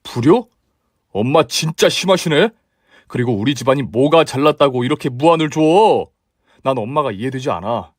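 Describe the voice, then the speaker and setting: A man's voice: medium pitch, animated, moderate pace, no room sound, studio quality, natural voice. A man voicing a young man who argues with his mother and pleads to keep his fiancée. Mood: exasperated. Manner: pleading, exasperated.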